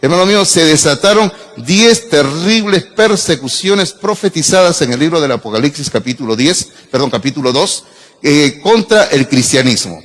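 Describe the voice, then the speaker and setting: A man's voice: a little high, lively intonation, moderate pace, a bit bright, long reverb tail. A middle-aged man, preaching a sermon in a church, chatting with the congregation through frequent asides and questions. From Peru. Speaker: pastor. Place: church sanctuary.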